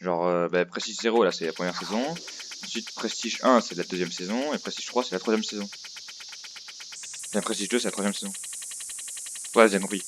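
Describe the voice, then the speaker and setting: A man with a fairly low voice gives casual let's play commentary. He rambles and hesitates, working out his thoughts as he goes. The headset mic is clearly noisy, with clicks coming through. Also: fairly even intonation, brisk, pauses often. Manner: rambling, hesitant, thinking aloud. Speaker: gaming video host. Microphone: headset microphone. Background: clear noise and clicking.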